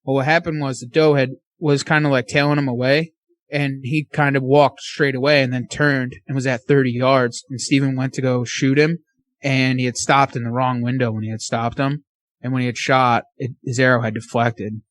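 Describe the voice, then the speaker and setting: A man guesting on a podcast, excitedly telling a casual story full of fillers and slang. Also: mid-range voice, normal speed.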